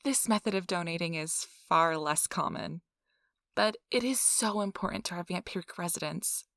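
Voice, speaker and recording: A woman with a fairly low, slightly bright voice speaks at a moderate pace in a clean, dry studio recording. She plays a cheerful, earnest donor acquisition interviewer in an ASMR role-play, using a polite, reassuring customer-service manner. The mood stays upbeat and reassuring.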